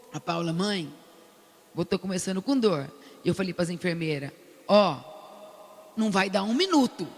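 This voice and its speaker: An older woman with a Brazilian accent giving an animated testimony at a prayer meeting, acting out the lines she quotes. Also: a little high, long reverb tail. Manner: animated storyteller who loudly acts out the quoted lines. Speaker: prayer group speaker. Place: large cathedral.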